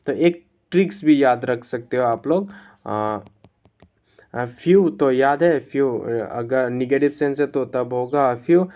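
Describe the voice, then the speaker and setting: A male teacher explains grammar to students, going over each rule again and pausing often. His voice sits at a middle pitch. The recording sounds slightly dull and lo-fi. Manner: explains step by step, repeats rules, many "uh" pauses. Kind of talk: classroom-style lesson explanation.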